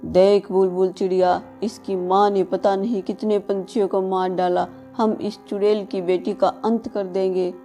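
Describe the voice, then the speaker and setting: A woman voicing a male owl sorcerer in a cartoon, scheming and harsh, giving loud commands. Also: mid-range voice, level tone, a little slow, few pauses, faint music behind, voice pushed down, close to an everyday voice. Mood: commanding.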